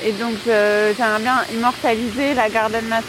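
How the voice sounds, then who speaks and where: Woman reporter chatting to strangers out on location, highish voice, clear traffic noise behind. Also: little pitch movement, brisk. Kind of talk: on-location interviewing. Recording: noisy outdoor and station location recording.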